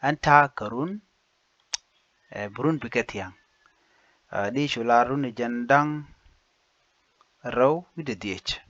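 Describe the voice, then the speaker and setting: A man teaching basic phrases, saying each one slowly and repeating it in two languages. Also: medium pitch, a bit bright, dry recording. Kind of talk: slow phrase-by-phrase language lesson. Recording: dull lo-fi dry recording.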